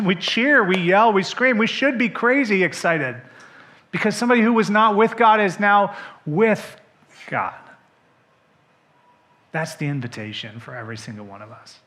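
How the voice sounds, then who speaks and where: A man preaching a sermon to his church, moving between soft, hushed lines and loud, emphatic points, speaking straight to the congregation. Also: a little high. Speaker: pastor. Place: church sanctuary.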